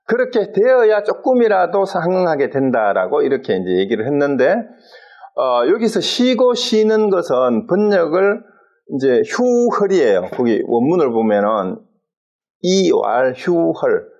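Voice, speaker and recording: Animated male Buddhist lecturer. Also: on the high side, a little slow. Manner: lively, explains terms step by step and acts out quoted exchanges. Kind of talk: explanatory classroom lecture. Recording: dull lo-fi sound.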